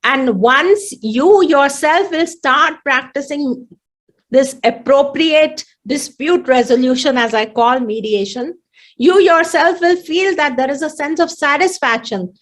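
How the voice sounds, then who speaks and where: In a high voice, a woman with an Indian accent gives a mediator's online training session. Her throat seems a bit choked as she explains deliberately, leaning on repeated phrases.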